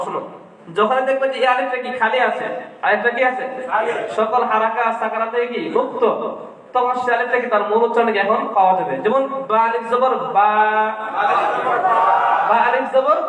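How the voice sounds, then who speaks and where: High-voiced man teaching in an echoey hall. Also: a bit bright. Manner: asks the class questions and answers them himself, drawing out sounds. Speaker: Quran teacher. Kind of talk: classroom Quran lesson. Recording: echoey hall, far from the mic.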